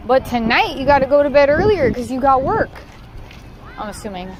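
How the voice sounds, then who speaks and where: This Southern Californian woman has a high, expressive voice and speaks a bit fast as she walks outside, chatting unscripted and candid with livestream viewers and occasionally cursing. Crowd noise fills the low-quality recording.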